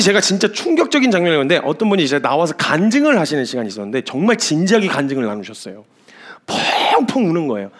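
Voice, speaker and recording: A male missionary preaching a sermon in a very high voice that leaps around expressively. He drives his points home with emphasis and tells stories with lively asides.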